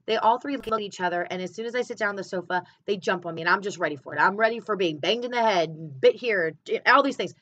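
A woman's voice: medium pitch, fast, hardly any pauses, fairly bright tone. A woman in her thirties talking candidly and emotionally in a casual personal vlog about her sales business and her kids. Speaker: clothing sales consultant. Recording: slightly dull, dry sound.

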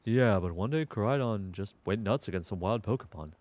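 A sullen teenage boy from a video game, acted out by a man. He speaks low and casually, with a reluctant edge to the read-aloud delivery. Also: animated, fairly quick, darkish tone, no room sound, lightly acted. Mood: wistful, resentful.

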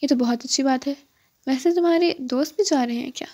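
A woman's voice: high-pitched, dark tone. A woman voicing a tall, charming foreign male mountain climber with a playful, dryly teasing manner, in an audiobook.

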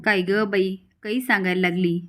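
A woman's voice: mid-range voice, steady tone, normal speed, fairly bright tone, lightly acted. A woman reading a sly gossiping village woman. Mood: gossipy. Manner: insinuating, gossipy.

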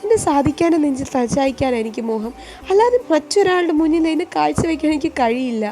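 A woman playing a heartbroken young woman, emotional and pleading, high voice. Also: animated, fast, dark tone, slight background noise. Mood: anguished. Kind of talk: storytelling voice acting.

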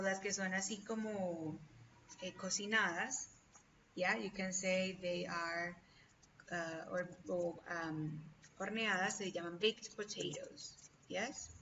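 A woman's voice: medium pitch, a bit bright, slight background noise. A Spanish-speaking woman teaching an online English class, encouraging and often checking in with "ok?". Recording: dull lo-fi video call audio, distant from mic.

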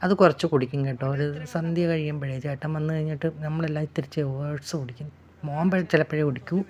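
A woman's voice: low voice, fairly even intonation, fast talker, darkish tone. A middle-aged woman chatting casually through her evening chores for a home vlog, explaining each step to viewers. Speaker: homemaker vlogger.

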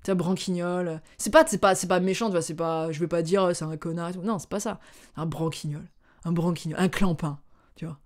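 Woman, from France, vlogger, casual storytelling, animated, hesitant fillers, lowish pitch. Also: fairly quick. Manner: chatty, animated, acts out dialogue; hesitant with frequent filler sounds.

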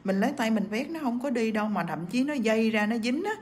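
A woman's voice: fairly high pitch, expressive, fast talker, a little hiss or hum. A woman with a cough teaching nail art on a livestream, chatting as she works and reading out viewer comments. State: sick with a cough.

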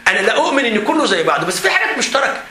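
An Egyptian man speaks to a room of students in a high, bright voice, rattling along at a very fast clip. He jokes and laughs through his points in a lively seminar style. The hall around him is echoey, with a faint hiss underneath. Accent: Egyptian Arabic. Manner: animated, joking, often laughing while talking. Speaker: teacher leading a student seminar.

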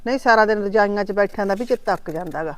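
A woman's voice: mid-range voice, quick pace, lightly acted. A woman playing a fretful middle-aged mother. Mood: homely. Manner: fretting, scolding, homely talk. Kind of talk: village family drama acting.

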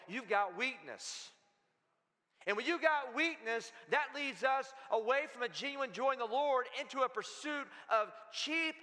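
A man preaching with a high, bright, forceful voice. He drives his sermon with energy and keeps turning to the congregation for answers. The sound rings out in a church sanctuary with a long reverb. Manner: energetic, calls out to the congregation for responses. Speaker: pastor.

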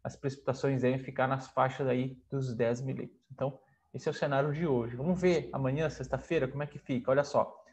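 A man's voice: medium pitch, fairly even intonation, fast talker, darkish tone. A man in his thirties from Brazil, an agrometeorologist presenting the weather forecast over maps in a conversational way, speaking over a video call from a room at home. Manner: conversational, with frequent pointing fillers.

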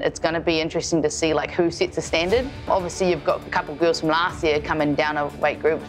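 A woman in her twenties with a New Zealand accent, talking casually and cheerfully in a documentary interview about her fighting career. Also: low voice. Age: 20s. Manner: casual, upbeat, laughs easily. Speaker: MMA fighter.

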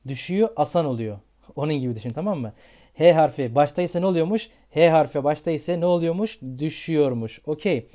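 Mellow-voiced male English teacher. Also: a little high, fairly quick. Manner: repeats questions and checks with "tamam mı". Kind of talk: beginner pronunciation lesson.

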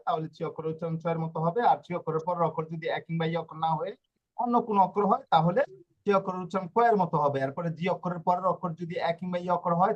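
A man teaching an online language class at a quick clip, his voice sitting high for a man. He restates each point several times and talks into a computer mic while sharing his screen. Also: highs cut off. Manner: repeats and rephrases points.

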